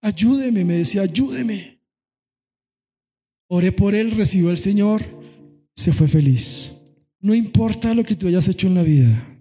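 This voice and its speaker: Male pastor, high-pitched but mellow, passionate sermon delivery, long hall reverb with faint music under him. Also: moderate pace, husky. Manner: impassioned preaching, swinging from soft to shouted, some sung phrasing.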